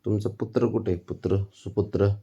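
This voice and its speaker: A man's voice: on the low side, steady tone, brisk, creaky, warm tone, breathy edge, dull audio. A man chatting fondly and teasingly to his pet cats in a casual home video. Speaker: cat owner vlogger. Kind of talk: casual talk to pets.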